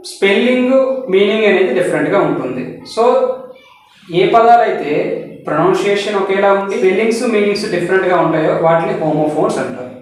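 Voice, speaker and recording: A high-pitched man with a Telugu accent teaches an English lesson, spelling each word out letter by letter before explaining it in Telugu. His voice carries a heavy echo and sounds distant from the microphone. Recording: very echoey room, voice from a distance.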